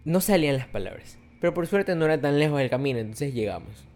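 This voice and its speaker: An Ecuadorian man in his young adult years tells a story on a casual podcast. His voice sits a little high and swoops a lot as he laughs and mimics others. He has a chatty, animated manner. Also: quick pace. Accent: Ecuadorian Spanish. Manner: animated, laughs often, acts out quoted voices. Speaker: podcast co-host.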